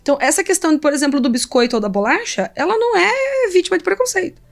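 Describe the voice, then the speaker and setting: A woman professor explaining language variation in a relaxed, animated way, often laughing and demonstrating sounds. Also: extremely high pitch, fast talker, gravelly. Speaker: linguistics professor guest. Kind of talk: conversational explanation.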